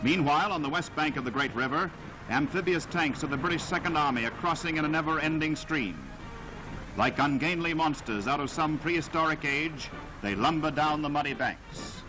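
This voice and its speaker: A man narrating a 1940s newsreel in a dramatic, declamatory style with emphatic, measured phrasing, on a vintage soundtrack. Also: a little high, over music, rough recording.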